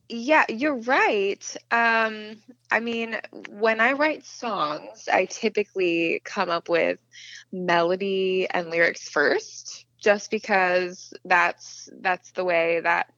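A woman heard over a dull, lo-fi phone line, her low voice carrying a gravelly fry. She talks very slowly and hesitantly, thinking aloud as she answers. The sound is close and dry, with no room around it. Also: fairly bright tone, no room sound. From Western Maryland, USA. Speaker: singer-songwriter guest. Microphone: telephone.

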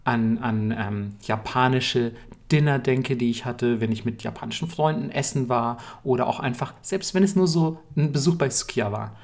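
A man's voice: medium pitch, normal speed, darkish tone. Enthusiastic young man, casual podcast chat. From Germany. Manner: enthusiastic, slangy, talks in long rambling runs. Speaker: podcast co-host.

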